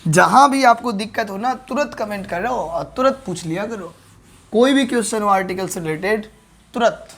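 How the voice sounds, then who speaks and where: In an online grammar lesson, a man with a high, animated, slightly bright voice repeatedly checks whether viewers understand. Standing at a board, he goes back over the key terms slowly.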